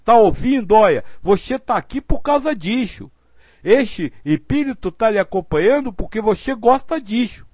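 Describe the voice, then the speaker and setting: A man with a high, light voice explains spiritual teachings in an earnest, patient way. The sound is close and dry, with no room around it. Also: lively intonation, normal speed, darkish tone, slightly rough, no room sound, dull audio. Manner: earnest, explanatory, acts out example phrasings.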